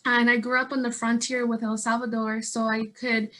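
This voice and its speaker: Bright-voiced young woman giving a talk. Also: on the high side, normal speed. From Guatemala. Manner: earnest, animated, many fillers and restarts. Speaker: statewide organizer and guest speaker. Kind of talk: presentation over a video call.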